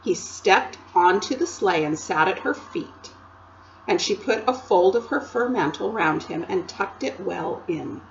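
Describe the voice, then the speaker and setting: A woman teacher reads a chapter book aloud to children slowly and unhurriedly, her medium-pitched voice rising and falling expressively, with vocal fry and chatty asides to her young listeners. The recording is dull and lo-fi, with a faint hum behind her.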